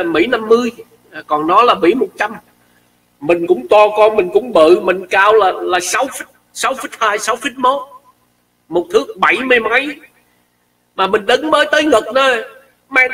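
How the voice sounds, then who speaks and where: Excitable high-voiced man. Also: distant mic, poor audio. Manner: excitable, acts out shouting quotes. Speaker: storyteller. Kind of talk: animated personal storytelling.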